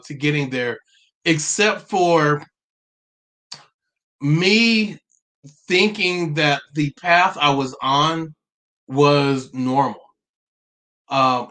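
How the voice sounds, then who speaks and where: A man in his forties hosts a livestream in a somewhat high voice, speaking earnestly. He halts and restarts often, and now and then laughs at himself as he reads out viewer comments. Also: a bit bright. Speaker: livestream host. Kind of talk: live-streamed talk reading viewer comments.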